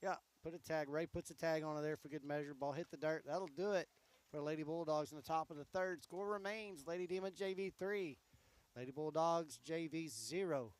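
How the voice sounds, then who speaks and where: A man calling high school softball play-by-play, easygoing and chatty between pitches, his voice going hoarse. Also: fairly even intonation, a little fast. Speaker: play-by-play announcer.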